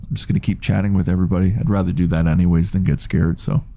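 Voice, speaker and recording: Canadian man, Ontario, casual streamer, deep warm gravelly voice, meandering chat. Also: level tone, rapid-fire. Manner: rambling, self-interrupting, reads chat aloud. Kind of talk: casual live-stream chat while gaming.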